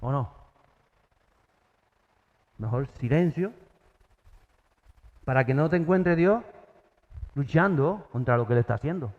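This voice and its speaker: A man delivers a sermon with a somewhat high voice. He breaks into acted-out dialogue, jumping up in pitch for each figure. The recording is dull and drenched in long church reverb. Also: lively intonation, unhurried, long pauses. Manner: acts out dialogue with sudden pitch jumps. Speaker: pastor.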